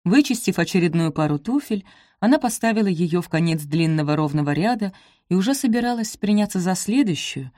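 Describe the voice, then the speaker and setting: Female audiobook narrator, lower register, measured delivery, dry studio sound. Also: a little mellow, no room sound. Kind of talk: scripted narration.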